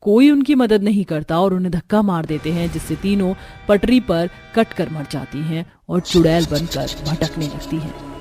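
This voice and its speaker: A woman's voice: on the low side, lively intonation, moderate pace, dark tone, faint music behind. Woman narrating a horror cartoon. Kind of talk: scripted storytelling narration.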